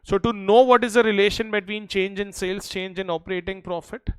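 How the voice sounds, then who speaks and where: Indian-accented man, high smooth voice, classroom lecturer, emphatic delivery, checks in with students. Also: steady tone, a little fast, dry recording. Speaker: accountancy teacher.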